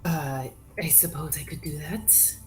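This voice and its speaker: A woman voicing a wary, lonely outsider who is unused to kindness, speaking slowly and guardedly. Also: sits low, fairly even intonation, soft background music, low-quality recording.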